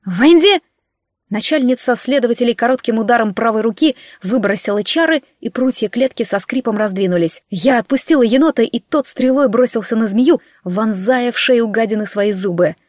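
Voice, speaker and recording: A woman's voice: on the high side, a little fast, hardly any pauses, no room sound, clean studio sound. Woman narrating a fantasy audiobook. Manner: lively, dramatic reading with voiced characters.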